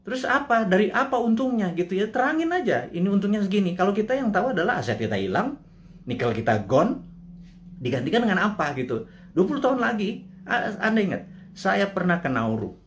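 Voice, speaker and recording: A man's voice: sits high, big pitch swings, a little fast, a little hiss or hum. A man hosting a live show, delivering a political commentary monologue with impassioned rhetorical questions and colloquial asides. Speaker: host.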